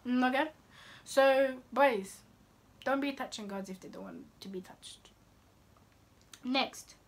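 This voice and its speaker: Sassy high-voiced woman. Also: takes it slowly. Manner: sassy, teasing, playful. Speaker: vlogger. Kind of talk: casual talk to camera.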